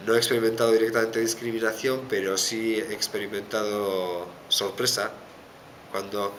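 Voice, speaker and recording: A man from the Basque Country with a Basque Spanish accent, answering interview questions thoughtfully with many pauses and fillers. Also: fairly low pitch, steady tone, a bit bright. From Basque Country, Spain. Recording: background noise.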